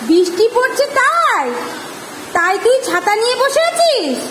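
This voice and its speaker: A woman's voice: extremely high pitch, big pitch swings, a little slow, a bit bright. A woman talking to her small child in a playful family home video, coaxing and doting as a mother. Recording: noisy home video recording.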